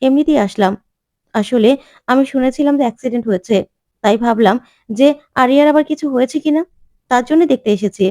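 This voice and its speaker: A woman voicing a kind, caring middle-aged woman who speaks with gentle concern. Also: high-pitched, a little fast, long pauses, dry recording, clean studio sound, close to an everyday voice.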